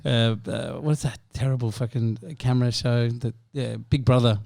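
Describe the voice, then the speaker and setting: A man's voice: medium pitch, normal speed, gravelly. A man hosting a casual interview, joking around and swearing freely. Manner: jokey, swears freely, animated. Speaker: host. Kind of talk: casual chat.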